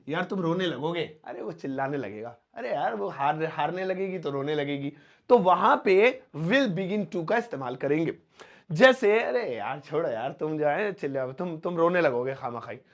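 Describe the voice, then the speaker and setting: A man with a fairly high voice teaches an English grammar lesson. He explains slowly and patiently, repeating each word as he builds example sentences. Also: fairly bright tone.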